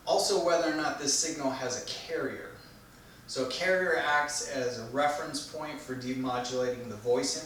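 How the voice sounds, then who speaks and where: A man delivering an explanatory technical speech in a measured, didactic manner, posing questions and then answering them. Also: medium pitch, a bit bright. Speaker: presenter giving an informational speech. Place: echoey room, recorded from a distance. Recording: very echoey room, distant mic, faint noise.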